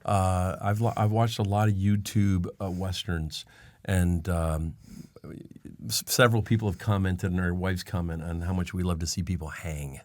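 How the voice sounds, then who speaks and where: A man co-hosting a casual podcast chat, telling stories with lively quotes of other people. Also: deep voice, moderate pace, no echo. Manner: storytelling, animated when quoting others. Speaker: podcast co-host. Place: lives in Canada.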